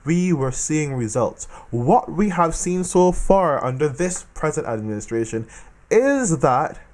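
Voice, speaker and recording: Talking politics in a loose, animated monologue, this Caribbean political commentator leans on repeated phrases for emphasis. His voice sits on the higher side.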